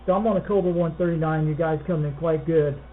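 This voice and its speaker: A man's voice: a little high, fairly even intonation, fast, narrow, tinny audio. An American man making repetitive CB radio call-outs full of radio slang, through single-sideband radio. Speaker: CB radio operator. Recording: thin crackly CB radio, faint noise.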